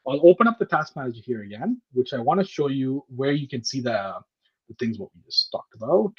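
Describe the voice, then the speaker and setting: Very animated and a little fast, a man with a husky mid-range voice leads a live computer class on a video call. He breaks things down step by step and keeps checking in with "okay?" and "right?", and his laptop or headset mic gives the call a muffled sound.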